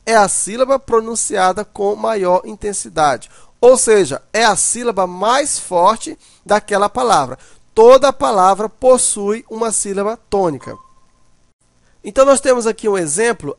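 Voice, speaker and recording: A man's voice: sits high, vocal fry, no echo, studio quality. A man teaching a grammar lesson, explaining step by step and often checking in with "né".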